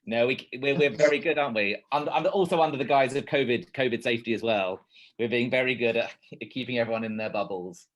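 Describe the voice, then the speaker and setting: A man's voice: mid-range voice, quick pace, lo-fi sound. A man directing and hosting a Q&A, speaking hesitantly and often trailing off. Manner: hesitant, lots of ums and trailing off. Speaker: director and Q&A host. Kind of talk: casual panel chat.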